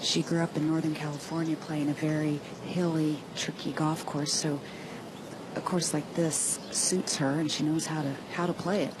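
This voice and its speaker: Female golf analyst with a notably low voice, explaining play over clear background noise. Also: little pitch movement, normal speed. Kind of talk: analytical live commentary. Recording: clear outdoor ambient noise.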